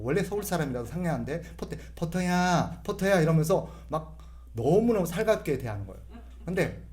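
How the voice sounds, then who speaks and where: A man's voice: fairly high pitch, darkish tone. A middle-aged male pastor giving a humorous sermon, imitating voices and having the congregation repeat phrases after him.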